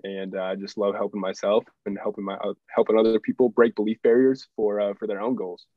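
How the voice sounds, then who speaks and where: A man's voice: lowish voice, flat delivery, brisk, dry recording. A young man from Nebraska co-hosting a casual fitness podcast over a remote call. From Nebraska, US Midwest. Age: young adult. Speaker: podcast co-host, fitness coach. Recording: slightly dull, dry remote call.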